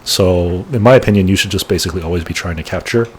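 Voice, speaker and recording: A man's voice: low voice, quick pace, husky. A man in his late thirties chatting casually as he plays, rambling and correcting himself as he goes. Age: late 30s. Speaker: gaming channel host. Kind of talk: casual gameplay commentary.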